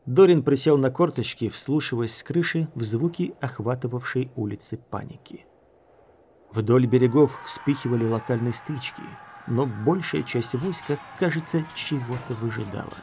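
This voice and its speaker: A man's voice: mid-range voice, a little mellow, a little hiss or hum. Male audiobook narrator. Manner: measured storytelling.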